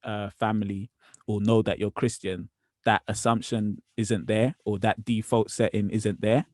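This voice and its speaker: A man in his twenties hosting a casual podcast chat, relaxed and easygoing, with frequent ums. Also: on the low side, unhurried, no room sound. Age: 20s. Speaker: podcast host.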